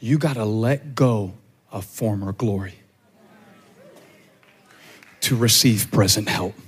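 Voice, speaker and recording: A man preaching a sermon as a pastor, in a rhythmic style that stacks repeated phrases and climbs to shouts. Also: on the low side, takes it slowly.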